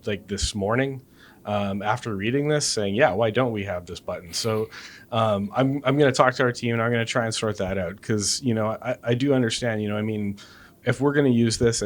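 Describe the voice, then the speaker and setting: A man speaks as a game developer in a casual interview, starting and restarting his sentences. His voice sits low, and he leans heavily on "uh" and "you know" as he explains. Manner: hesitant, many restarts and fillers.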